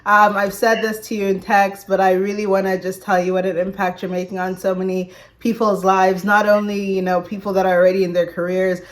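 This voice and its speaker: A Zambian woman in her twenties, a recruiting manager, chats casually as an interview guest telling personal stories and often saying "like" and "you know." Her mid-range voice is level in tone, a little fast, with few pauses.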